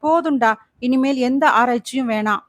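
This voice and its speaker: Woman reading as a desperate young man, tearful, pleading, high voice, dry close sound. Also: moderate pace, fairly bright tone, no room sound. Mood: distraught. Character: frightened young man, desperate and guilt-ridden.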